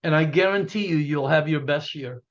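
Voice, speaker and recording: A man's voice: fairly high pitch, moderate pace, dull audio. A man giving a punchy motivational talk to a sales team, repeating himself and asking "okay?" after each point. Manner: punchy, repetitive, asks "okay?" a lot. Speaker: business coach.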